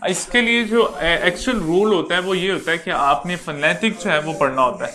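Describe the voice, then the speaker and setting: Pakistani male teacher, slightly high voice. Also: sharp tone. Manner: explains slowly, repeats points, checks understanding with students. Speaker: English teacher. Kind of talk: online exam-prep lecture.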